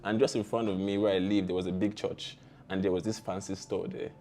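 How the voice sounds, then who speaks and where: Recounting his life story in an interview, a young startup founder from Nigeria speaks briskly in a deep, darkish voice with a flat delivery and a Nigerian accent. He's laid-back, with slangy asides and easy laughter, and there's slight background noise.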